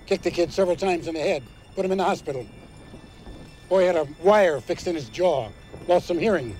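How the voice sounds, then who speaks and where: A man's voice: high-pitched, brisk, a little mellow, soft background music, natural voice. An actor playing a blunt man in a film, speaking in a clipped, matter-of-fact way. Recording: film clip with background noise.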